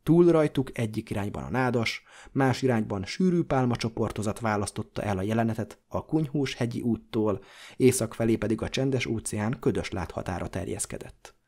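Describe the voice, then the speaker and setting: Male audiobook narrator with a warm, dark tone who reads steadily and dramatically. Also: lowish voice, expressive.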